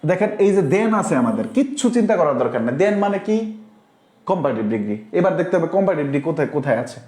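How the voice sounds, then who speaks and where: A man leads a live online grammar class and keeps checking that his viewers understand, reading out their comments as they come in. His voice sits a little high for a man. The room around him has a clear echo. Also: very animated, quick pace, darkish tone. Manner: explains step by step, often asks the class if they understood; reads out viewers' comments and answers them. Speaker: online English teacher.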